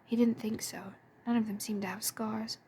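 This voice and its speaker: This fan audiobook narrator is a woman whose soft, breathy, hushed voice sits fairly high yet sounds mellow. She reads the story at a normal pace with a level tone, over a faint background hiss.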